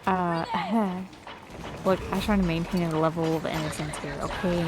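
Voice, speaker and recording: A woman's voice: on the low side, steady tone, normal speed, background noise. A woman streamer chatting casually while gaming, giggling, swearing and filling her talk with fillers. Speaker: game streamer.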